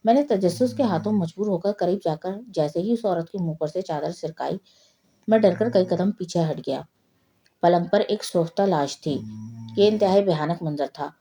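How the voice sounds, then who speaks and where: Female storyteller, low and very mellow tone, even reading of a spooky tale. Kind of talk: scripted horror story narration.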